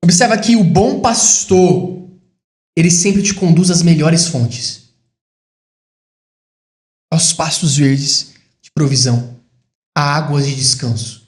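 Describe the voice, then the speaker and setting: Um homem brasileiro pregando um sermão, alternando declarações enfáticas que sobem com comentários baixos e reflexivos. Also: male voice, slow pace, pauses often, roomy sound. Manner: rises to emphatic high declarations, drops to quiet reflective asides. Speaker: preacher. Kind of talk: sermon.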